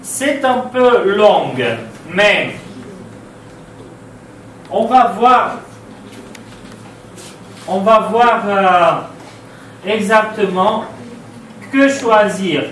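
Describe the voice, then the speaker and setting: Slow Romanian-accented man teaching French. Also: sits high, animated, fairly bright tone, slight background noise. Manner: slow, halting delivery with frequent "euh", spelling out letters and repeating words. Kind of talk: classroom lesson on spelling rules. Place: classroom. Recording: very echoey classroom, voice from far off.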